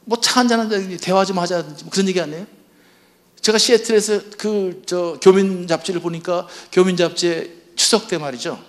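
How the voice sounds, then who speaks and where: High-voiced man giving a church seminar. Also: normal speed. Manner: asks the audience questions and acts out spouses' lines. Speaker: marriage seminar speaker at a church. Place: church hall before an audience.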